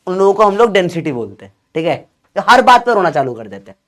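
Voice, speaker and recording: Male coaching teacher, high pitched, teasing and scolding, lecture style. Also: very animated, fast talker, fairly bright tone. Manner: scolding, joking, calls students beta. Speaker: physics teacher.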